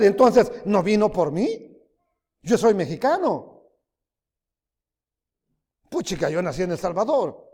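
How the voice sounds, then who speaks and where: A man preaching a sermon, emphatic, swinging between loud rises and quiet drops, often asking his listeners questions. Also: sits high. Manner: emphatic, rising and dropping loudly, asks the audience questions. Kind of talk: sermon teaching. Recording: long hall reverb.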